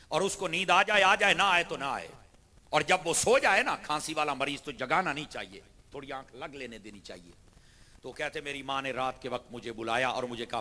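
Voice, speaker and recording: A man preaching a sermon to a gathering. He tells stories and speaks straight to his listeners, at times dropping soft and at times rising to a shout. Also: medium pitch. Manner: impassioned, swings from soft to shouted; addresses the audience directly. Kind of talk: Urdu sermon with storytelling. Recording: long hall reverb.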